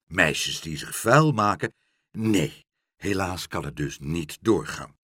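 Flustered, messy dad, read by a man, loud bursts, then stiffly polite; husky, dry. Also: low-pitched, lively intonation, slow pace, dry recording, pitched below the performer's own voice, heavily acted. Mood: mock-proper. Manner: exclamatory, overly polite when acting proper. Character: chaotic, flustered father of many boys.

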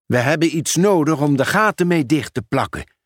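A man's voice: on the high side, lively intonation, normal speed, no echo, clean studio sound, pitched above the performer's own voice. A man voicing a worried but obliging caretaker in a storybook reading. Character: worried kindly adult male caretaker.

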